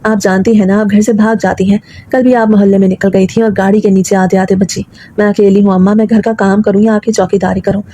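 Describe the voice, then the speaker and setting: A woman's voice: medium pitch, level tone, dark tone, close to an everyday voice. A woman voicing a patient young daughter-in-law who pleads humbly and tearfully, in a storybook reading. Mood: pleading.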